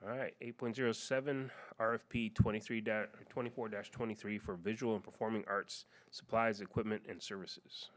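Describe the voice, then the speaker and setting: Low-voiced man chairing a board meeting. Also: little pitch movement, fairly bright tone. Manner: brisk, procedural.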